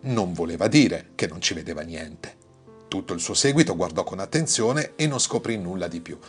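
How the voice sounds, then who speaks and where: A man narrating a fairy tale in a scripted, expressive reading, raising his voice for the characters' lines. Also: sits low, normal speed, breathy edge. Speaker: storyteller. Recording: faint music behind the voice.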